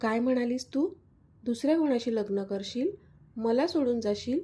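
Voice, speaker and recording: A woman's voice: fairly high pitch, lively intonation, normal speed, dark tone, breathy edge. A woman voicing a playful young man who teases his partner, in a storybook reading. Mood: angry. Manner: teasing, coaxing. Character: teasing young man, playful then hurt lover.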